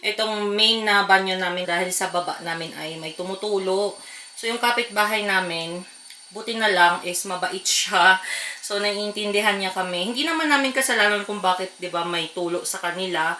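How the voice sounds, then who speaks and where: A chatty young mother talks straight to her viewers from home, breezily switching between Tagalog and English as she addresses them as fellow moms. Her voice sits at a middle pitch. Household noise runs clearly underneath her. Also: normal speed, bright, forceful tone. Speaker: family vlogger and mother. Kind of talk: casual chat to camera. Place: home indoors, kitchen and bathroom.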